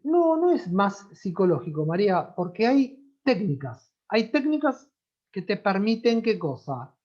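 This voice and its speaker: Lively Rioplatense teacher on a video call. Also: mid-range voice, measured pace. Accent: Rioplatense Spanish. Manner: conversational, checks in often with listeners. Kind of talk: online class lecture. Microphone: computer mic on a video call. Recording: dull lo-fi video-call audio.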